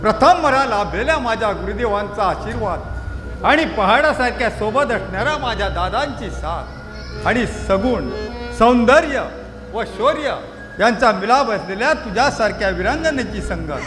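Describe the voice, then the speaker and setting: An actor playing a gallant young warrior hero who speaks in a courtly, affectionate way in a musical stage drama. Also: male voice, sits high, lively intonation, normal speed. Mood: tender. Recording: echoey hall, music and tabla behind.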